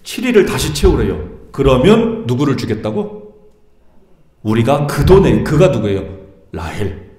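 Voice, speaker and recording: A middle-aged man preaching a sermon as pastor, animated and putting questions to the congregation. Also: mid-range voice, normal speed, roomy sound. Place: church sanctuary.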